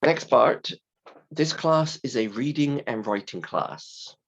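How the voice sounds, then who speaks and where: A man teaching a class in simple, deliberate, emphatic phrases, his voice hoarse, croaky and creaky from a sore throat. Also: medium pitch, expressive, dull audio. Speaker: university English teacher. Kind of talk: scripted-slide lesson explanation.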